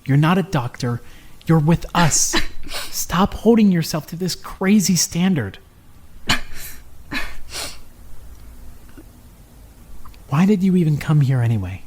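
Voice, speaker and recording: A prickly, blunt teenage girl from a fan-made game, played by a woman, with a low voice that swings widely in pitch. She snaps at people and stumbles over her words when caught off guard. Faint noise hums behind her. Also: lively intonation, normal speed, darkish tone. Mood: firm. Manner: blunt, stammers when flustered. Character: prickly, gruff teenage girl who hides her kindness.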